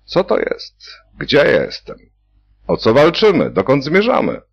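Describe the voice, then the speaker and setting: A man voicing a dazed, pompous male party official who speechifies in a thin high voice. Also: huge pitch swings, a little slow, breathy edge, exaggerated voice. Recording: dull lo-fi recording.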